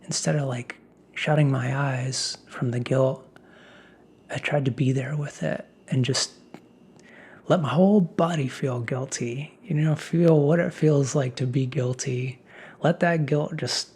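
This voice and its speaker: A man speaking in a soft, half-whispered ASMR pep talk, breathy and reflective, as if musing aloud. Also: mid-range voice, fairly even intonation, measured pace. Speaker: ASMR host.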